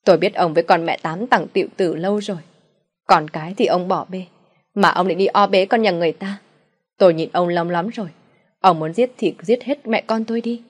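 A woman voicing a middle-aged mother who stands up to her violent husband, loud and raised in pitch. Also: steady tone, fast, breathy edge. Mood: defiant. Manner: pleading then shouting back. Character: long-suffering middle-aged mother, defiant.

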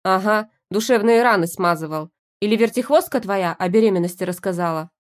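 A woman's voice: medium pitch, brisk, close to an everyday voice. A frantic wife stuck in her husband's body, as a woman reads her in an audiobook. She speaks in a raised, agitated voice and fires off accusations. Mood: accusing.

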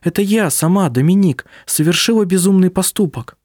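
A man's voice: lively intonation, moderate pace, a little mellow, dry recording, clean studio sound. A man voicing spirited young woman Viljamu. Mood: earnest. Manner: raised pitch, emotional and pleading.

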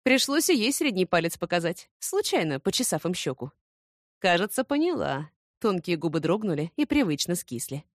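A woman narrating an audiobook in first person, expressive and ironic. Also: lowish voice, normal speed, dry recording, clean studio sound.

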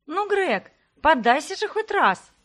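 A woman voicing a pair of lively teenage twin girls who fire off rapid, shrill questions. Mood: shouting playfully.

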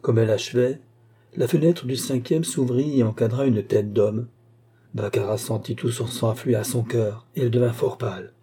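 A man narrating a classic novel as an audiobook, with steady storytelling. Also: medium pitch, moderate pace, husky. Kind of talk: scripted narration.

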